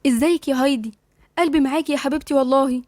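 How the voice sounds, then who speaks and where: A woman voicing a sly, smooth-talking young woman with an Egyptian accent. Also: sits high, rapid-fire, darkish tone, no room sound, clean studio sound, lightly acted. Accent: Egyptian Arabic. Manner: tactful, sly.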